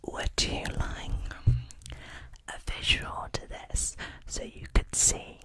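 A young woman whispering breathy ASMR close to the microphone, often repeating words and phrases. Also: slow pace, fairly bright tone. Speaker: ASMR video host.

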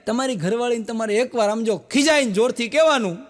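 A man's voice: very high-pitched, fast. A man with a Gujarati accent doing stand-up, telling jokes and stories in a chatty way with asides to the audience. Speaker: stand-up comedian. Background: audience laughter.

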